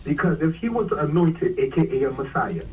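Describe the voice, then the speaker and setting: A man's voice: on the high side, expressive, moderate pace. Man's voice over a tinny phone speaker. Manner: earnest, argumentative. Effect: heard over a phone speaker. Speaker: caller. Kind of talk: call-in discussion of scripture. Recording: tinny distant phone line with faint hiss.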